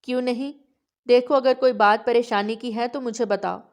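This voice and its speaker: A woman narrator voicing a gentle young man who cares for a girl, speaking softly and coaxingly in an audiobook. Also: fairly high pitch, steady tone, lightly acted. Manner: soft, coaxing.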